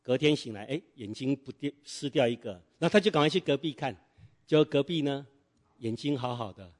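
A man's voice: mid-range voice, fairly quick. A middle-aged man preaching a sermon in church, telling a story and quizzing the congregation with fill-in-the-blank questions.

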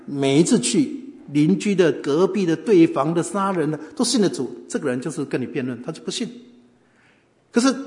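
A man preaching a sermon, telling stories and asking the listeners questions. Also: on the high side. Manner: storytelling, asks the audience questions. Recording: long hall reverb.

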